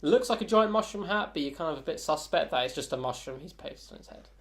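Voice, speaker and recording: A man's voice: a little high, animated, quick pace. A man narrating as game master of a tabletop game, loose and chatty, often laughing.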